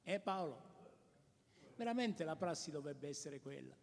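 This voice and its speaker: Male stage comic, Sicilian accent, high register, theatrical delivery, big hall reverb. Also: expressive, normal speed, gravelly. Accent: Sicilian Italian. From Sicily, Italy. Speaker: stand-up comedian and singer. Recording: echoey hall reverb, loud music behind. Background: loud accordion music.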